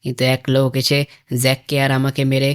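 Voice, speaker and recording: A cowardly cartoon henchman, as an actor voices him whines to his boss in a flat, level tone. He tattles fast and fearfully. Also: mid-range voice, clean tone, natural voice. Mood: whining.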